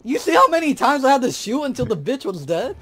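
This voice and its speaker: Young man streaming a shooter, high voice that swings a lot, boastful, laughs often. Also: very animated, quick pace, fairly bright tone, faint music behind. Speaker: streamer playing a shooter with friends. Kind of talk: casual gaming chat.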